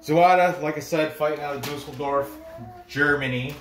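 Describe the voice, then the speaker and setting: This is a Korean-born host who grew up in New York, casually rambling through fight betting commentary and interrupting themselves often. Their mid-range voice moves at a moderate pace. The recording has an echoey, noisy room sound.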